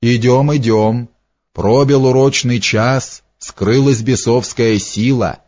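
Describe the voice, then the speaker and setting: A man voicing a hoarse, muttering old male sorcerer who boasts and threatens, in a dull lo-fi audiobook recording. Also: mid-range voice, steady tone, takes it slowly, darkish tone, lightly acted.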